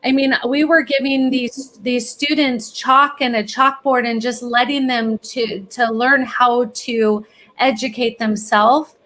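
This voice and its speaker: Female guest expert, fairly high voice, encouraging advice-giver. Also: fairly even intonation, slow pace, a bit bright. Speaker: college planning expert, guest. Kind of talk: podcast interview.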